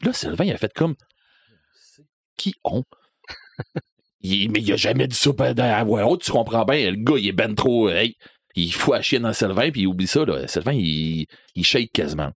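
A man's voice: on the low side, normal speed, breathy edge, no echo, studio quality. A man with a Québécois accent telling a spooky story in a casual, conversational way. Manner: lively, animated, conversational with fillers.

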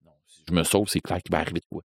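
A man's voice: deep voice, rapid-fire, dry recording. A man with a Québécois accent telling a spooky story in a casual, conversational way. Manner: lively, animated, conversational with fillers.

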